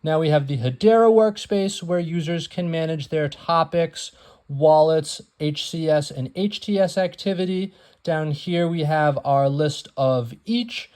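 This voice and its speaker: A man presenting a software demo, explaining it step by step in a matter-of-fact way. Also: fairly high pitch, measured pace. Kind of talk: narrated software demo walkthrough.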